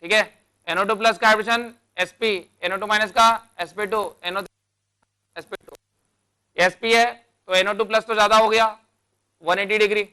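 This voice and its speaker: In a classroom chemistry lecture, a man speaks at a moderate pace with frequent pauses, his high voice steady, bright, forceful and clean. He addresses students as "beta" and "bhai," explains step by step with terms, and answers his own questions as he goes.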